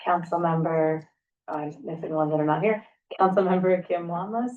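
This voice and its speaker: Woman, roll call, low voice, flat listing, distant, thin phone-like sound. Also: normal speed. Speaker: council member taking roll call.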